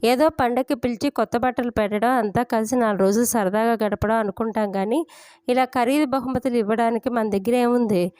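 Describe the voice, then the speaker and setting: A woman's voice: a little high, fairly even intonation, brisk, a little mellow, dry recording, studio quality, natural voice. A woman voicing an anxious middle-aged mother who talks gloomily and pleads about money, in a storybook reading. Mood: worried.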